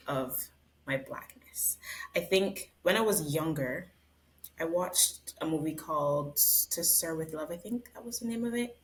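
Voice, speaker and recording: A low-pitched woman from Barbados, speaking as an interview guest. She is thoughtful and measured, pausing often as she reflects on her answers. Her tone stays soft-spoken and unhurried. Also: slight background noise. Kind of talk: reflective conversation.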